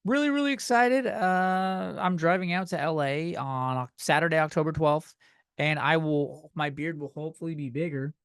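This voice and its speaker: A thirties-aged man hosts a solo comedy podcast, ranting in a rambling, profane, self-deprecating way. His voice is fairly high, fairly bright, clear and resonant, at a normal speed. The recording is dry and studio quality.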